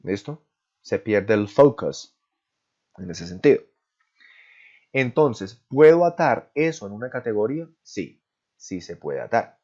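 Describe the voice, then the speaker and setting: Male professor, lecture voice, somewhat low, muffled lo-fi recording, keeps asking if it's clear. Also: a little mellow. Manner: explains step by step, often checking "¿listo?", "¿sí?". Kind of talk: online class lecture.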